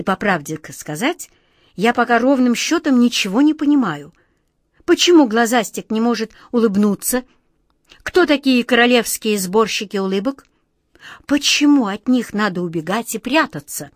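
A woman voicing a polite young wizard who speaks in a hesitant, measured way. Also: on the high side, no room sound, studio quality.

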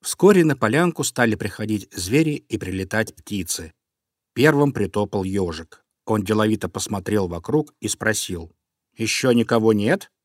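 Man, children's story reader, lively intonation, dry close sound. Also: on the low side, moderate pace, no echo. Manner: expressive, storytelling. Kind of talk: reading a children's fairy tale.

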